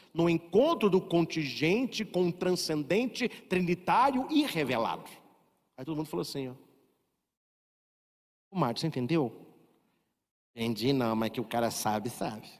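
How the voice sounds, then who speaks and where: Brazilian priest, emphatic sermon voice, fairly high, long hall reverb. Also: male voice. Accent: Brazilian Portuguese. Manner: emphatic, repeats rhetorical questions.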